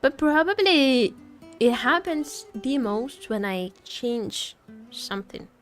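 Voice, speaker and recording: A VTuber plays a game from her indoor home streaming setup, chatting casually and playfully, rambling, teasing, and often repeating her phrases. Her high-pitched voice is a bit bright, with lively intonation and a slow pace, and faint music plays behind.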